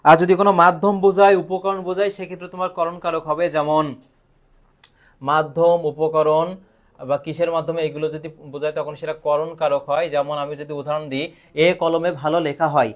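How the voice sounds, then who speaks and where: A man's voice: on the high side, steady tone, a little fast. A man teaching a live online grammar lesson, asking questions and answering them himself.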